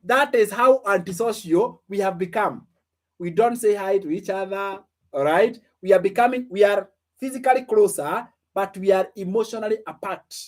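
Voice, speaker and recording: High-pitched and moderately paced, this male voice delivers a motivational business lesson. The speaker, an online coach in his late twenties, quizzes his audience and repeats phrases for emphasis.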